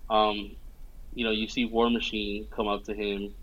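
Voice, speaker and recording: A man's voice: lowish voice, a little slow, poor audio. Casual, filler-heavy man retelling a movie. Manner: animated storytelling with many fillers and "you know what I mean". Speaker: movie fan recapping a film. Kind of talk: casual chat.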